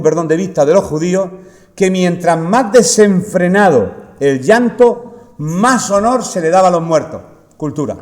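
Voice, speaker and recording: A man gives a sermon in a somewhat high voice. He talks to the congregation as if chatting, asks rhetorical questions and moves between raised emphasis and soft asides. His voice carries a long church-hall reverb. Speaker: preacher.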